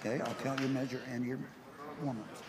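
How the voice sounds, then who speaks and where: A man's voice: mid-range voice, level tone, fast. A man working as referee, giving terse commands to the fighters. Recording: mic amid loud crowd.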